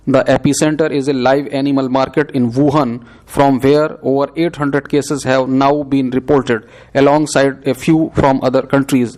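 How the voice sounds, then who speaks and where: This is shorthand practice dictation: a man reads a prepared script at a measured, steady pace. His voice sits in the mid range.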